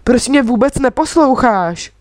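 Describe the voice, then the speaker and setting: A woman's voice: fairly high pitch, expressive, dry recording, studio quality, voice pushed up, close to an everyday voice. A woman reading a schoolboy who acts as a strict, impatient ski teacher to a younger girl. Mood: scolding. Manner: bossy, impatient.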